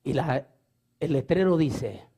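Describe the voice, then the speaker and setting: A man preaching a sermon in Spanish, retelling a story and building to loud, impassioned preaching, often stammering and repeating words. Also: expressive, slow pace, breathy edge. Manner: builds from low retelling to shouted high preaching.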